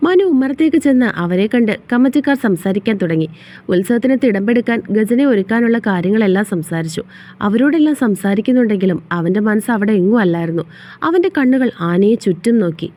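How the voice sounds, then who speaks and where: A woman narrating a romance audio series in a steady, even storytelling manner. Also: mid-range voice, fast talker.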